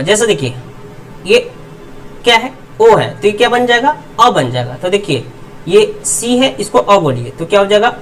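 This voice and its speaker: Heard from a distance in a rough recording, a teacher with a medium-pitched, fairly bright voice explains English pronunciation. They pose rhetorical questions again and again and answer them, slowly drilling word pairs, the word first and then its meaning, in an explanatory lesson.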